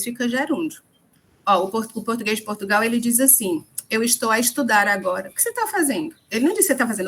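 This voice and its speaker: Chatty Northeastern Brazilian woman teaching English. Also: on the high side. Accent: Northeastern Brazilian (Ceará). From Ceará, Brazil. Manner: explains step by step, mixing in English example sentences. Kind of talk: classroom lecture.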